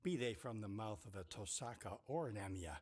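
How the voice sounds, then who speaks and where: A man's voice: fairly low pitch, animated, fairly quick, darkish tone, slightly rough. A man voicing a scheming, treacherous male priest who speaks pompously and mock-piously, in a comedy fan dub. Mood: smug.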